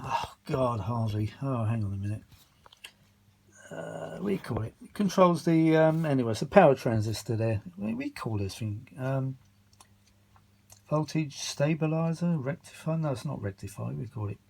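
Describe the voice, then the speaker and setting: A tired British man who vlogs about vintage audio repair gives a casual, rambling, unscripted commentary, muttering, grumbling and mildly swearing while hunting for words. His medium-pitched voice has vocal fry and a breathy edge, and he sounds exasperated.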